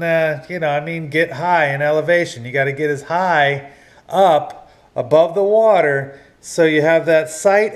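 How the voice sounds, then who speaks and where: A middle-aged man giving casual fishing tips in a rambling, folksy, self-deprecating way, recorded at home on a nearby action camera. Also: fairly high pitch. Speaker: fishing channel host. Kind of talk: casual instructional talk. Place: living room at home, indoors.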